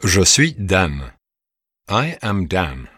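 A man reading model sentences for a language drill, slowly and clearly spaced. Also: sits low, big pitch swings, a bit bright, dry recording, studio quality. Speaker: reader of example sentences.

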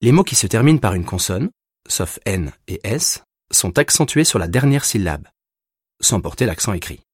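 A man narrating a recorded language lesson, explaining grammar rules with slow, deliberate pauses between words. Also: on the low side, very animated, breathy edge, no room sound, studio quality. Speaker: language teacher.

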